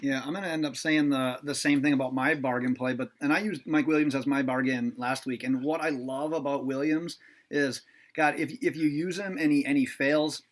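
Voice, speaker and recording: A man's voice: medium pitch, fairly even intonation, a little fast. A man hosting a sports podcast, talking casually with lots of ums and teasing his guests. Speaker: podcast host.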